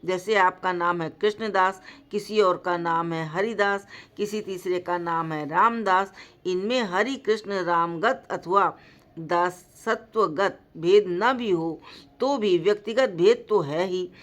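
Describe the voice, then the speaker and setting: A woman voicing a humble, inquiring elderly male holy man in a slowly read devotional story. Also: lowish voice. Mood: earnest. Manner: slow, measured reading voice.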